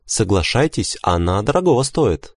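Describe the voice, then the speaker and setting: A male reader voicing a cold, aloof young noblewoman who speaks calmly, politely and distantly in a storybook. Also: on the low side, moderate pace, dry recording, studio quality, pitched above the performer's own voice. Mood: coolly dismissive.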